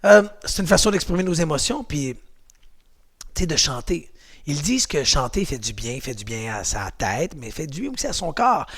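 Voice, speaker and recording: A man with a Québécois accent guides a home exercise class, chatting and cheering his viewers on. His voice sits fairly high and sounds bright and forceful. It has a gravelly texture. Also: big pitch swings, normal speed. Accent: Québécois French. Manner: chatty, encouraging, playful. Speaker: exercise and martial arts instructor.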